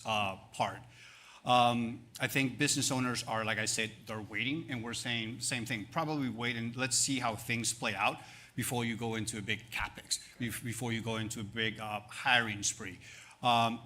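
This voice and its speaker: An upbeat banking executive in his fifties, with an Argentine Spanish accent, answers questions at a live panel interview on an event stage. His bright, forward, mid-pitched voice carries promotional energy as he stacks up numbers between fillers and quick restarts, with slight background noise.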